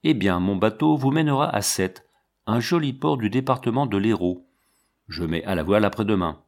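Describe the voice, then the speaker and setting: A man's voice: fairly low pitch, expressive, moderate pace. A man reading as a kindly old-school sea captain. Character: kindly middle-aged male sailor captain.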